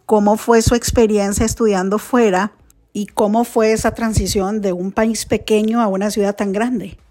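A woman's voice: mid-range voice, level tone, moderate pace, warm tone. A woman hosting a podcast, reading a scripted intro and asking questions in a polite, formal manner. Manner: formal, polite, uses usted. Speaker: podcast host.

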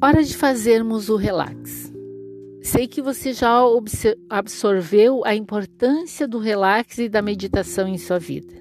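A woman leading a guided relaxation meditation in a soothing, unhurried, instructing way. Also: mid-range voice, a little mellow. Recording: music playing behind the voice. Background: instrumental music.

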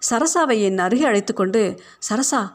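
A woman narrating a short story in a measured, steady storytelling voice. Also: medium pitch. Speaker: story reader.

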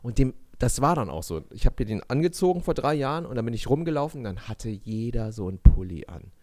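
A man's voice: medium pitch, very animated, quick pace, mellow, no echo, clean studio sound. A man co-hosting a comedy podcast, chatting casually in a rambling way and laughing often. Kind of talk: casual chat.

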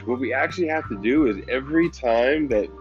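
A man's voice: mid-range voice, a little fast. A man giving a casual, off-the-cuff podcast monologue, conversational and often checking in with the listener. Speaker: podcast host and business coach. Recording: dull lo-fi sound, faint music behind.

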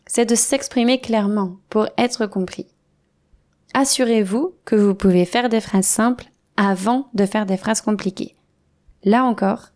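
Woman teaching spoken French, clear and deliberate. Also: medium pitch, darkish tone. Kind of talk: scripted language lesson.

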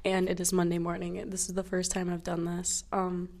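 Her voice sits on the low side, monotone and a little mellow at a moderate pace, groggy as if it's morning. The young woman hosts a casual solo podcast, chatting self-deprecatingly through a travel story on a small clip-on lapel mic in a small study room.

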